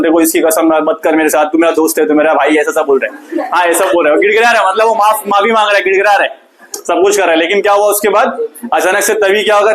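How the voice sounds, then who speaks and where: High-voiced man teaching with a story. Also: rough recording. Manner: animated storytelling, repeats questions to students. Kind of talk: classroom lesson with a story.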